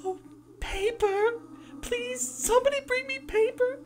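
A woman's voice: extremely high pitch, a little slow, pitched above the performer's own voice. A woman reading out a video game ghost who begs desperately for help in a whiny voice. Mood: pleading. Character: pleading ghostly voice crying for help.

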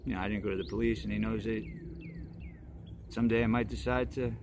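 A man with a fairly low voice talks off the cuff as host of his own nightly vlog, stumbling through ums and restarts. His humor is dry and deadpan, and faint outdoor noise sits behind him. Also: fast talker. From northeastern United States. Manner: hesitant, full of ums, dry joking. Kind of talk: rambling casual monologue. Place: outdoors at dusk.

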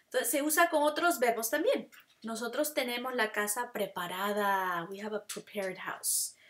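A woman teaching a grammar lesson, slow and deliberate, drawing out example words and switching between Spanish and English to explain. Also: a little high, a bit bright.

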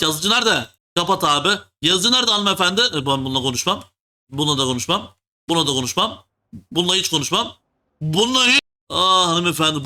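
A man hosting a gaming video, joking and teasing as he plays, full of slang and often dropping into a low mock voice. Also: bright, forceful tone. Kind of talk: joking let's-play commentary.

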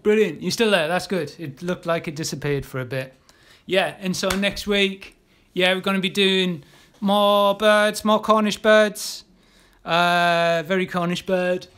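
A man's voice: high-pitched, fairly even intonation, unhurried, fairly bright tone, clean tone. A man leading a live draw-along painting class, chatty and encouraging, talking as he paints with lots of ums and restarts. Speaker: illustrator teaching a live art class.

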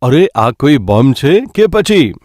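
A man's voice: mid-range voice, sing-song, unhurried, darkish tone, no room sound, studio quality. A man voicing a frightened adult friend in a sermon story, panicky and refusing. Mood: panicked.

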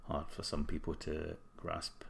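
Male tutorial presenter, broad Scottish, very low and groggy with heavy fry, informal working-aloud delivery. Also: completely flat delivery, a little slow, a bit bright, a little hiss or hum. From Scotland. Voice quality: groggy, gravelly throat. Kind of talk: casual screen-recorded software tutorial.

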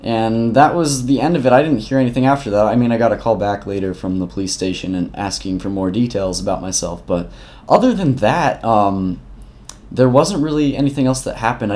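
A man's voice: mid-range voice, a little mellow. A young man telling a story in a casual vlog, rambling and swearing, with frequent restarts. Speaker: vlogger.

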